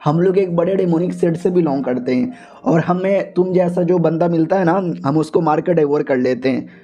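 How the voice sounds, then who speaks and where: A man's voice: fairly high pitch, moderate pace, dark tone, dull audio, natural voice. A man voicing menacing, greedy male demon henchmen with a taunting, threatening manner.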